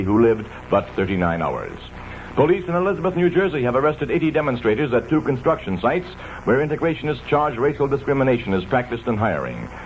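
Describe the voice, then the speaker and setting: A man's voice: mid-range voice, slight background noise. American man reading vintage radio news, dull sound. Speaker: radio newsreader. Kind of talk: 1960s scripted radio news bulletin.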